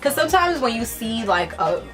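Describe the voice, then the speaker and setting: A young woman hosting a casual vlog chat, animated and quick to laugh, with music behind her. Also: a little high. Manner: animated, laughs often, acts out quotes. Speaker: vlogger host.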